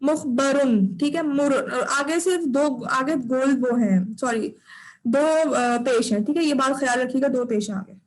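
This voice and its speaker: High-voiced woman teaching an online class. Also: measured pace, poor audio. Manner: patient, drills recitation and repeats corrections.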